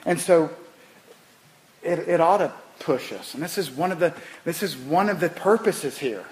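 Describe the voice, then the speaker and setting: A middle-aged man preaching a sermon in a somewhat high voice. He repeats key phrases for weight, dropping to near-whispered lows and climbing to loud, emphatic peaks. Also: low-quality recording. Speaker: pastor.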